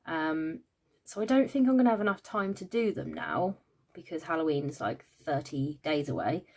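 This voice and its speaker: Low-pitched and darkish yet expressive, this British budgeting vlogger talks at normal speed while counting cash aloud. She sounds tired, yawns, and fills the casual chat with many "um"s.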